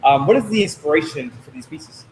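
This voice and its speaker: Higher-pitched man interviewing in an echoey room. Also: animated, a little fast. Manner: informal, slangy. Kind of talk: casual interview chat. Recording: roomy echo with background noise.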